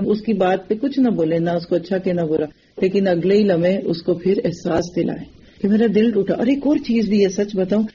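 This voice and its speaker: A woman's voice: medium pitch, warm tone, muffled recording, slight background noise. A woman giving a religious lecture in an earnest, direct way, often putting rhetorical questions to her listeners. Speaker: religious teacher.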